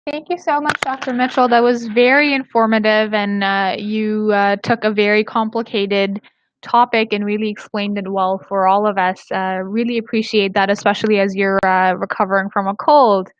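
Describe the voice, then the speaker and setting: Woman hosting a webinar q&a, lots of ums, dry flat-sounding call audio. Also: mid-range voice, moderate pace, no echo, lo-fi sound. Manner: hesitant, many fillers. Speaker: webinar host and moderator. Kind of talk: moderating a live Q&A. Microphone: video call.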